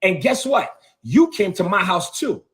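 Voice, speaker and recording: A bishop livestreaming a confrontational rant in a high, lively voice that swings up and down. He hammers his points over and over and talks straight at the people he is calling out. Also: a little slow. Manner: confrontational, repetitive, heated. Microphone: phone or webcam on a livestream.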